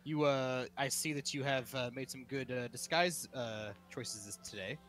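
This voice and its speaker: A man playing a disguised figure who speaks in a deeper, altered voice during a tabletop game. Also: normal speed, fairly bright tone, soft background music, lightly acted. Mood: sly, measured. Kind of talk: in-character roleplay.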